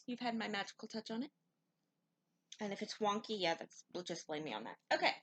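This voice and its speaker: A woman's voice: mid-range voice, expressive, fairly quick, a bit bright. A woman co-hosting a casual stitching chat, joking and teasing her partner. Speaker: co-host.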